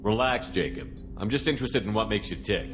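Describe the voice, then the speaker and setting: A man's voice: lowish voice, animated, a little fast, over music, natural voice. An actor playing an assured, direct male military commander in a video game. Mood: calm, assured.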